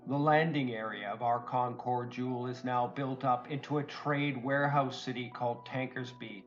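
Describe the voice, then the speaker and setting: A prim, well-dressed kobold merchant, voiced by a man speaks with formal courtesy in a slightly raised pitch. Soft music plays faintly behind him in this tabletop game recap. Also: dull audio, close to an everyday voice.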